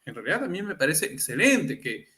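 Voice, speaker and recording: A man's voice: on the high side, sing-song, a little fast, bright, forceful tone. A man hosting a casual live talk, often turning to his listeners with rhetorical questions. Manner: keeps asking the audience rhetorical questions; acts out quoted people. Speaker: livestream host.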